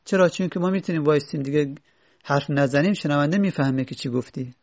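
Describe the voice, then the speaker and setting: Man, grammar teacher, fairly high voice, gravelly, reads a line then explains it. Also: darkish tone. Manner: reads Arabic lines, then explains them step by step. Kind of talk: explaining an Arabic grammar text.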